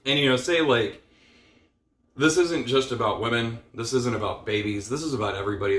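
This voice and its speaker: In this casual personal vlog rant, a man speaks to his camera sounding tired and frustrated, his ramble packed with fillers and offhand curses. His voice is medium in pitch and a bit bright, recorded with a roomy sound.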